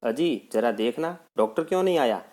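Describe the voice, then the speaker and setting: A man's voice: mid-range voice, animated, normal speed, a little mellow, lightly acted. A male teacher voicing a worried mother who coaxes and frets over her sick young son. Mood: anxious. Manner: fussing, pleading.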